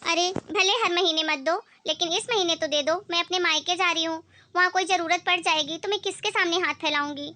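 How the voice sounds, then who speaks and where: A woman's voice: extremely high pitch, steady tone, fairly quick, hardly any pauses. Woman playing a meek, pleading young daughter-in-law. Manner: soft and pleading.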